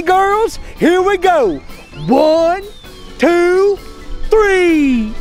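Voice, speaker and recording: A performer playing a rowdy, exuberant kids' church host character with a folksy, drawn-out cheerleading delivery. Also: sits high, full character voice. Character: rowdy, high-pitched kids' show character named Buster who loves busting stuff. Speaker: children's lesson host. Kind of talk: scripted kids' church lesson.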